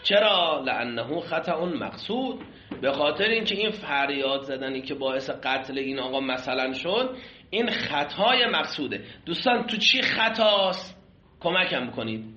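A man's voice: on the high side, lively intonation, bright, forceful tone. A man teaching a seminary class on Islamic law, explaining a classical text and putting questions to his students. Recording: echoey room, dull lo-fi sound.

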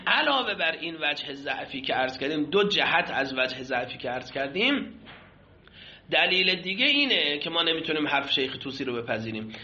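A man's voice: a little high, big pitch swings, sharp tone, a little hiss or hum. Man teaching Islamic law in an echoey room. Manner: explains the Arabic text in Persian, asking students questions. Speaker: seminary teacher. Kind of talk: classroom lecture on Islamic law. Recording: echoey room, dull lo-fi sound.

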